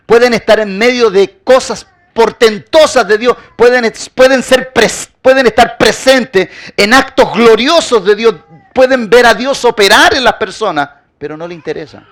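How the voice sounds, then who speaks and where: With an extremely high pitch and a moderate pace, a man delivers a sermon as pastor. He often drops quiet as each phrase ends, while he builds his points with rhetorical questions and forceful repetition.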